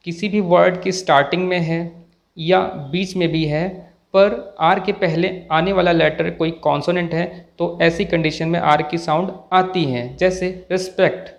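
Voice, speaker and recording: A male teacher explains English pronunciation rules in Hindi at an unhurried, careful pace. His voice sits slightly high, and he repeats example words slowly to show the contrast. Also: creaky. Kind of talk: slow, deliberate explanatory lesson.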